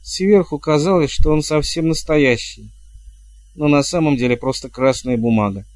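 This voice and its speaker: A man's voice: on the high side, moderate pace, a little mellow, no room sound, close to an everyday voice. A man voicing an eager, fussy young woman witch.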